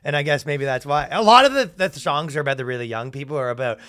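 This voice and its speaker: A man co-hosting a casual comedy chat, loud and laughing, often breaking into shouted mock singing. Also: on the high side, animated, fast talker, no echo, clean studio sound. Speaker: podcast co-host.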